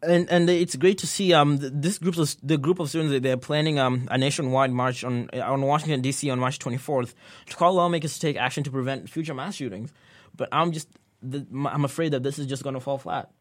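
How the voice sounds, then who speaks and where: A man's voice: medium pitch, brisk. A teenage man from Kenya hosting a student podcast, earnest in casual discussion, often repeating and restarting his words. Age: teens.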